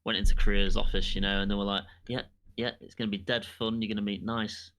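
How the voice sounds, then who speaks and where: A young man tells a rambling, sweary story, acting out each voice he quotes. His voice is bright and forceful while he sits on the low side of the usual male range. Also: level tone, fast talker. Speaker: podcast co-host. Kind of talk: casual storytelling chat.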